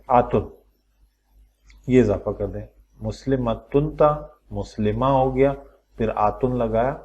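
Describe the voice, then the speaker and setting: A man teaching a Quran lesson, explaining step by step and posing questions to his students before answering them. He slows down and stretches out the words when he lists examples. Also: medium pitch, warm tone. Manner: patient, explains step by step and asks questions aloud to the class; draws out word forms slowly when listing examples. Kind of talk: recorded teaching lecture.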